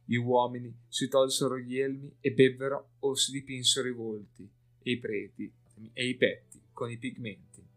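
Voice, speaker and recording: A man reading a story aloud in a steady, measured way, with faint music behind. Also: mid-range voice. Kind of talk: audiobook narration.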